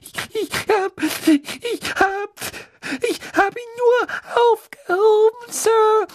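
Man doing a squeaky, sobbing little elf woman. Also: slow, no room sound, studio quality. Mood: terrified pleading. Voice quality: squeaky, piping. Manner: stammering, pleading, sobbing. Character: terrified whimpering female house-elf, tiny, squeaky. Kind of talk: audiobook character voice.

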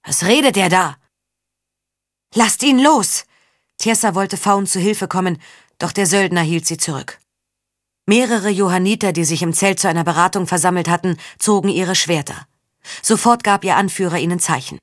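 A woman reading a historical novel aloud with steady, measured narration. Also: lowish voice, no echo, studio quality. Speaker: audiobook narrator. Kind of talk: scripted narration.

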